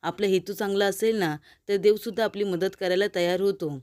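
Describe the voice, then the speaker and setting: A woman voicing a kind, admiring young wife in a serial recap, speaking warmly. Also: mid-range voice, steady tone, fairly quick, natural voice. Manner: warm, admiring.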